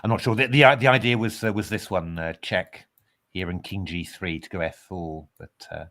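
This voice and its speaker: A man's voice: deep voice, moderate pace, a bit bright. A man commentating live on a chess game in a casual way, hesitating with lots of fillers and restarts.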